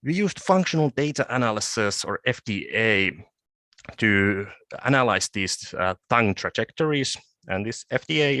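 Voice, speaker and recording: Halting low-voiced man presenting research. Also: fairly bright tone, dry recording. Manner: halting, with frequent word repeats and restarts. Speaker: conference presenter. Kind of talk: academic conference presentation.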